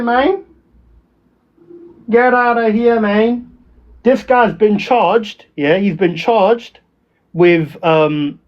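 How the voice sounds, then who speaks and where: Taunting London roadman, swooping pitch. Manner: roadman slang delivery; taunting, confrontational, repetitive. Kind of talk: ranting livestream trash talk. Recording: dull lo-fi audio.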